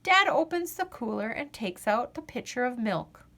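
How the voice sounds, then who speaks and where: A woman's fairly high voice carries a storyteller's reading of a children's picture book. Each phrase is expressive and deliberate, and the refrains are drawn out.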